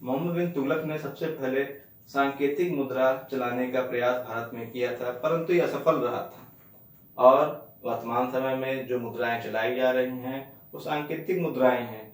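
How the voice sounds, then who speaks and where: A man's voice: mid-range voice, moderate pace. A male teacher giving an exam-prep lecture who repeats key words and asks himself questions, then answers them. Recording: echoey room, mic at a distance.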